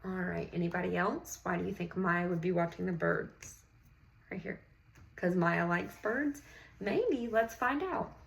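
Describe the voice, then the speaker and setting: Through poor audio, a fairly low, creaky female voice reads a picture book a little slowly to young children. The teacher's delivery is expressive, stretching key words, and she involves the class with questions and encouraging praise.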